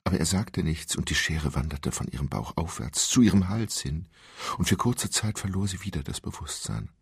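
A man reading a thriller as scripted narration, tense and dramatic, dropping to hushed passages. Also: low voice, animated, normal speed, creaky, slightly rough, no room sound, clean studio sound. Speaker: audiobook narrator.

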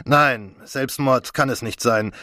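An excitable French police commissioner, as a man puts him on in an audiobook. His voice sits well above the reader's own and pushes forward, effusive and fussy. The recording is close and dry. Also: medium pitch, slow, no room sound, pitched above the performer's own voice. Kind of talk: audiobook character voice.

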